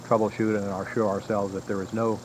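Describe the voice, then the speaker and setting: A man with a fairly low voice delivers formal, measured countdown commentary. The broadcast sounds archival, with clear background noise. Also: flat delivery. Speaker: launch commentator. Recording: noisy archival broadcast audio.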